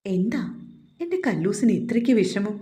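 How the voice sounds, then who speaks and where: A woman voicing a young husband who asks gentle, coaxing questions. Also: medium pitch, sing-song, moderate pace, close to an everyday voice. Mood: caring. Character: young husband, caring but short-tempered.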